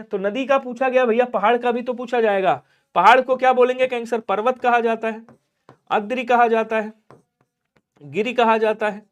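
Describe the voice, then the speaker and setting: A man with a notably high voice runs an exam-prep grammar lesson. He drills each word by repeating it and keeps telling his students to remember it. He poses questions to the class and answers them in the same breath. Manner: addresses students directly, asks and answers his own questions. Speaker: teacher.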